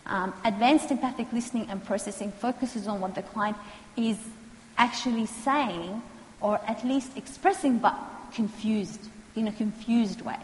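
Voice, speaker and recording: A woman, calmly explaining counselling skills to students and acting out what clients say. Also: on the high side. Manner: calm, measured, acts out client quotes. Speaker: counselling lecturer. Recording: echoey hall, faint noise.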